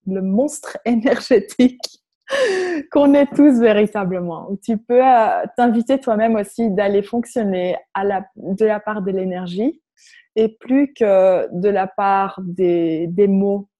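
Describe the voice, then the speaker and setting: A woman from Flanders with a Flemish accent in French, a native Dutch speaker, guiding an online group through spiritual coaching in a halting way that searches for words. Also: mid-range voice, dark tone. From Flanders, Belgium. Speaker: workshop facilitator.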